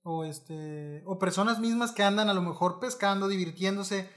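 A man hosting a casual chat, asking halting questions full of fillers. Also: high voice, a bit bright. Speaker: podcast host.

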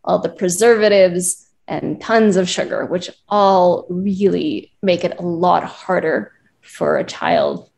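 A woman's voice: lowish voice, very animated, slow, creaky, darkish tone. A woman from the United States, a clinician, giving earnest advice as a guest in a conversational interview. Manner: earnest, advising, builds points in lists.

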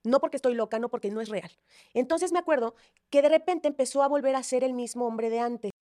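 A woman's voice: sits high, fast. A woman guest telling a personal story with feeling, acting out the voices of the people in it. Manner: animated, acts out quoted dialogue.

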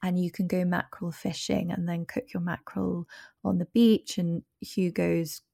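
A woman's voice: fairly low pitch, level tone, normal speed, creaky, warm tone, husky, no room sound, studio quality. A woman from Devon, a travel journalist, chatting casually on a podcast with enthusiastic, wry asides. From Devon, England.

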